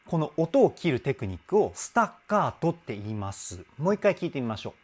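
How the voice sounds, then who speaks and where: Lively, enthusiastic male vocal coach. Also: a little high, breathy edge. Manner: enthusiastic, explanatory, admiring; speaks with soft drawn-out "uun" sounds while listening. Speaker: vocal coach reacting to a song. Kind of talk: casual video commentary.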